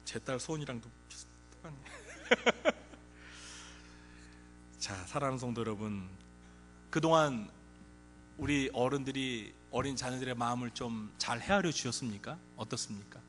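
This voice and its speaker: A man's voice: mid-range voice, normal speed, long pauses, a bit bright, faint music behind. A male pastor preaching a sermon to his congregation, acting out quoted parents and children with frequent chuckles. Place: large church hall. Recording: long church hall reverb.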